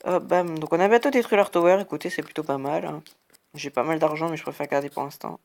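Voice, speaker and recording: A young male gaming YouTuber with a cold, sniffly and a bit congested, gives casual gameplay commentary. His voice sits on the high side, creaky and at a quick pace. He rambles through a play-by-play full of sound words like "hop" and "bam."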